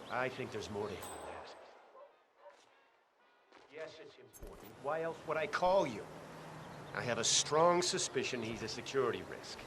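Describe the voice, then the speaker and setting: A man's voice: medium pitch, background noise, close to an everyday voice. An actor playing a curt, suspicious, irritable man on guard in a video game. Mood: irritated.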